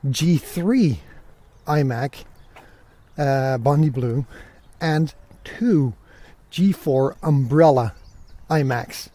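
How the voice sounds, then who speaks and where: A man with a rather high, dark-toned voice hosts a solo podcast, telling stories casually and conversationally. He acts out dialogue he remembers as he goes.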